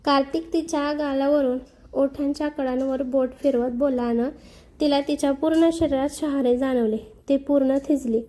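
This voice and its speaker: Storyteller woman, high and mellow, reads a romance with steady expression. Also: moderate pace. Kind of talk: scripted narration.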